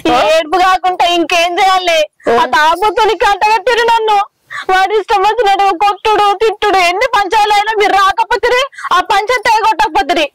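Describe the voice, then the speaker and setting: A woman's voice: sits high, fairly even intonation, fairly quick, a bit bright, rough recording. A woman playing a young village wife worn down by her drunk husband, bitter and complaining, with a Telangana Telugu accent. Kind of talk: village short film drama.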